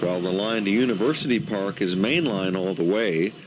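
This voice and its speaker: A man's voice: low voice, fairly quick, noisy background. A man delivering scripted narration as the narrator of a documentary. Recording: voice-over with loud music behind.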